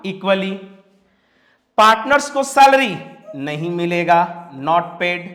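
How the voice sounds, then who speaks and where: A man with a high voice teaches at an unhurried pace and poses questions to his class. He repeats each point to drill it in and mixes in English terms. His voice echoes around a bare room. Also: expressive, fairly bright tone. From India. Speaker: commerce teacher. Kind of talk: classroom lecture. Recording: roomy echo.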